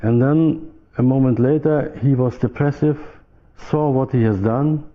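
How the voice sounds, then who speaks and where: A man comments as an interviewed expert, speaking slowly in short, halting, emphatic bursts. The recording is narrow and phone-like. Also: mid-range voice. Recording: thin, phone-like narrow-band sound.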